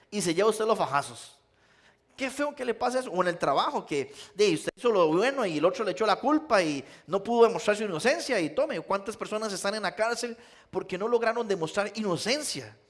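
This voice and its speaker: A high-voiced male pastor with a Nicaraguan accent delivers a sermon. He tells stories and speaks straight to his listeners, moving between loud appeals and hushed, slower passages. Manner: storytelling, addresses listeners as "usted", shifts between loud and hushed.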